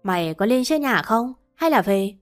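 A woman voicing a curt, irritable young husband in a romance story, with short, gruff replies. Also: fairly high pitch, expressive, fairly quick, soft background music, natural voice.

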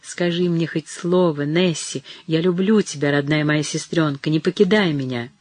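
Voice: mid-range voice, moderate pace, a little mellow, no echo, close to an everyday voice. A reader voicing a young woman frantic with grief over her sister, crying out in a broken, sobbing voice.

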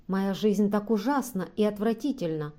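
A woman's voice: medium pitch, expressive, moderate pace, warm tone, close to an everyday voice. A woman reading an audiobook and voicing a desperate young woman who pleads tearfully. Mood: pleading.

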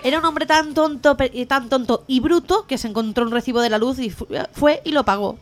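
A woman's voice: high voice, fairly quick, faint music behind. A woman co-hosting a radio comedy show, telling short jokes in a chatty way.

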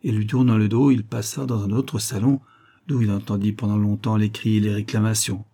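A man narrating a nineteenth-century novel in a steady, measured read. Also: lowish voice. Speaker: audiobook narrator. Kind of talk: scripted narration.

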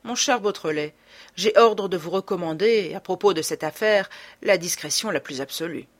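A woman's voice: on the low side, moderate pace, close to an everyday voice. A woman reading aloud voices a grave, self-important older police inspector in a storybook. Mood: solemn. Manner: grave and solemn.

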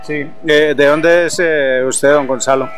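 A man's voice: fairly high pitch, steady tone, measured pace, faint music behind. Polite male radio reporter. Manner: hesitant, polite questioning. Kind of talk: radio interview.

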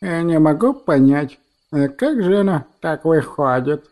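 A man's voice: fairly high pitch, lively intonation, unhurried, a little mellow. A man voicing a big thoughtful talking cat who muses in a puzzled way. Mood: musing.

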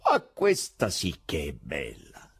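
A man voicing a strange foreign professor who is secretly the devil, with a husky, theatrical manner and sudden shrill outbursts. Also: wildly swooping pitch, takes it slowly, fairly bright tone, dry recording, heavily acted. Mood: mocking.

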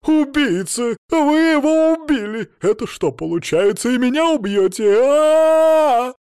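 A man's voice: very animated, normal speed, mellow, dry recording, clean studio sound. A man voicing a panicky, squealing middle-aged woman held captive, who shrieks and chatters. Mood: hysterical. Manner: shrill, squealing, tearful, chattering.

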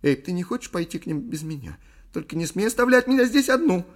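Guy putting on a high whiny scared young actress, whimpery and pleading, audiobook reading. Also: big pitch swings, normal speed, darkish tone, breathy edge.

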